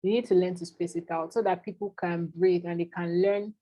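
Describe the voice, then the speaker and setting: A woman's voice: fairly low pitch, steady tone, brisk, mellow, low-quality recording. A woman facilitating an online product management class, talking through ideas conversationally with frequent fillers.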